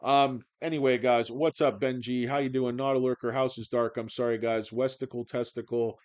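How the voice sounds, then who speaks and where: A man's voice: medium pitch, fairly even intonation, moderate pace, a little mellow. A man in his forties hosting a stock livestream, ranting in a profane, sarcastic, rambling way with many fillers. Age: 40s. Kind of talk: profane casual livestream rant.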